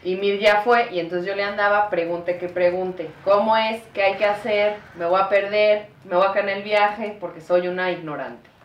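A woman's voice: mid-range voice, steady tone, normal speed, hardly any pauses, dull audio. A Mexican woman co-hosting a podcast, joking around in slangy casual talk and swearing freely. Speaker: podcast co-host. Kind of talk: casual chat. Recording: echoey room, mic far off, clear noise.

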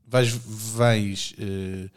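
A man's voice: lowish voice, fairly even intonation, drawn-out words. A middle-aged man with a European Portuguese accent, co-hosting a casual podcast chat in a blunt, joking way that is full of casual swearing. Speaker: podcast co-host.

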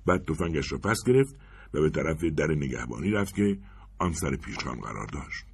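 Audiobook narrator: man, low and husky, animated storytelling delivery. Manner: expressive storytelling.

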